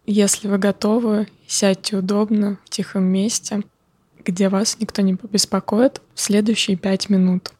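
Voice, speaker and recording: A woman guiding a breathing meditation, calm, soft and measured, slowly counting breaths with pauses. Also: medium pitch, no echo. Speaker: breathing exercise guide.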